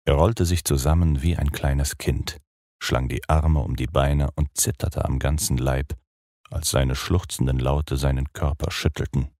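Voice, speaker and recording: Deep bass male narrator, measured storytelling, dry booth sound. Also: fairly even intonation, a little mellow, no room sound. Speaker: audiobook narrator. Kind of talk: scripted narration of a gothic novel.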